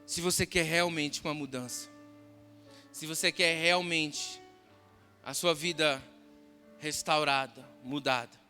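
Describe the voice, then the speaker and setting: A man's voice: on the high side, fairly even intonation, slow, long pauses, sharp tone. A Brazilian man with a Brazilian Portuguese accent, a pastor preaching a fervent storytelling sermon to a congregation, often calling his listeners brother and dear. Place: church hall with a congregation. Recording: reverberant church hall, music behind.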